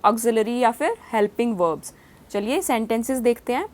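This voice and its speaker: A woman's voice: a little high, darkish tone. A woman teaching a grammar lesson, explaining step by step and asking her students many quiz questions. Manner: reads example sentences slowly and clearly. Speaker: English teacher.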